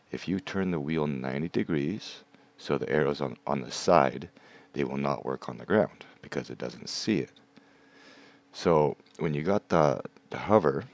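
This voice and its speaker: Man, very low voice, casual game stream host, explanatory, dry close sound. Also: no room sound. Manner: chatty, explains game mechanics step by step. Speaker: livestream host. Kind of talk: casual gameplay commentary.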